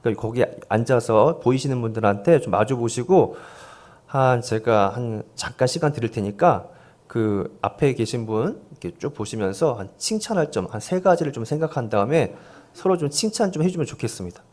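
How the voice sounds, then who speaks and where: A man's voice: medium pitch, lively intonation, fairly quick, darkish tone. A male pastor in his forties, leading a volunteer seminar from the pulpit with jokes and light coaxing of the congregation. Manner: joking, coaxing the congregation, self-deprecating asides. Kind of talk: playful sermon with audience games. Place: church sanctuary, speaking from the pulpit. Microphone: handheld microphone.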